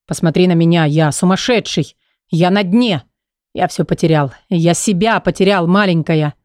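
A woman voicing a tormented young man with a split personality, speaking low in a pleading, desperate way. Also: normal speed, darkish tone, dry recording, studio quality, natural voice.

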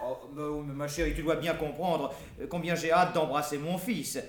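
A man's voice: fairly high pitch, fairly even intonation, moderate pace, close to an everyday voice. An actor playing a doting, gullible new father in a 1950s stage comedy, tender and easily fooled. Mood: puzzled. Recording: echoey 1950s theatre recording.

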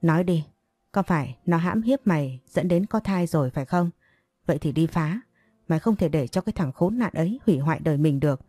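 A woman's voice: sits low, animated, dry recording. A woman voicing a bossy young village woman who scolds and urges her friend. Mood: urging. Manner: scolding, quick and forceful.

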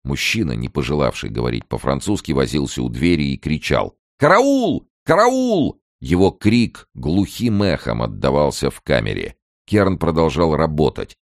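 A male audiobook narrator reads a novel in a grave, measured way. His voice is extremely deep, yet his pitch moves expressively. The recording is dry and close, with no room sound. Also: expressive, gravelly, no room sound. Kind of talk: dramatic novel reading.

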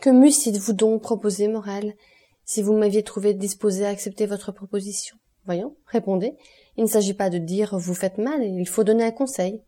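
Dutiful young heroine voiced by a woman reader, distressed and pleading, warm mellow voice. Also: medium pitch, fairly even intonation, normal speed, natural voice. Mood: anguished. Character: young noblewoman, anguished, dutiful, tearful. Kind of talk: audiobook character reading.

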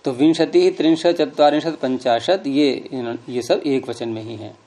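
A man's voice: mid-range voice, moderate pace, mellow. A middle-aged man teaching a grammar class, explaining patiently and quizzing his students. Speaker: Sanskrit teacher.

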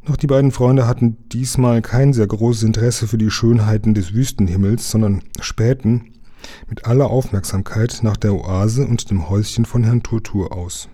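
Dark-voiced man reading a storybook. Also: on the low side, steady tone, normal speed. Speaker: reader. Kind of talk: reading a children's book aloud.

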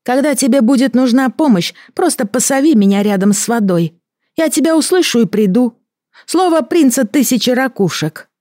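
A woman reading an audiobook, voicing a small, bony male water creature with a bubbling voice and odd, halting speech. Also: high voice, expressive, a little mellow, no room sound, studio quality, voice pushed up. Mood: solemn, bargaining. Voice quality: gurgling. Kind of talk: audiobook character voice.

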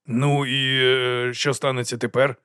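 A man voicing a nervous chief acolyte who stammers and hesitates, dragging his words slowly. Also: medium pitch, flat delivery, pushed and bright, smooth, no room sound, clean studio sound. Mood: flustered.

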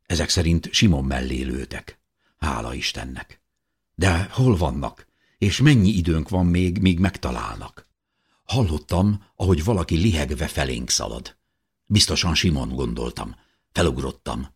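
A middle-aged man reading a first-person audiobook in a tense, expressive storytelling manner. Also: extremely low pitch, slightly rough. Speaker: audiobook reader.

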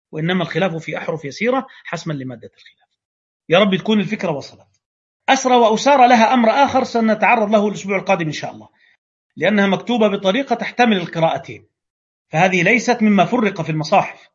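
Egyptian man, quick and husky, online teacher questioning his students rhetorically. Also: high voice. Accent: Egyptian Arabic. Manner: argues through imagined dialogue and rhetorical questions. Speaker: Quran recitation teacher. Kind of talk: online lecture. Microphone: video call microphone. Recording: dull lo-fi online audio.

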